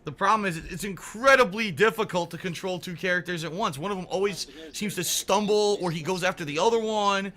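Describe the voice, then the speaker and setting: A man giving excitable, exasperated, sweary running commentary as he plays a video game. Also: high-pitched, fairly quick, few pauses. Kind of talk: gameplay commentary. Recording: music behind the voice. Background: music.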